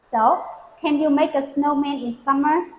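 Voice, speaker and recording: High-voiced woman examiner, echoey room. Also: a little slow, a little hiss or hum. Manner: patient, prompting, models full sentences for repetition. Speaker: English speaking-test examiner. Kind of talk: questioning a young learner in a speaking test.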